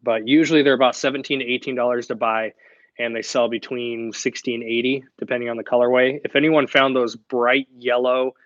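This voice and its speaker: Talking a little fast in a level, mid-range voice, a young host runs a live online Q&A, casual, direct, and chatty with fillers. The audio has no echo but sounds dull.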